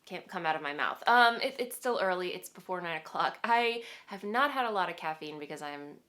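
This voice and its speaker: A woman's voice: lowish voice, animated, fairly quick, bright, forceful tone. A woman with a stuffy, nasal voice from a cold talks straight to her viewers as host of a craft podcast. She chats casually, rambling a little with plenty of ums and small laughs. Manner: chatty and rambling, with fillers and laughs. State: congested from a cold. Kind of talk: casual chat to camera.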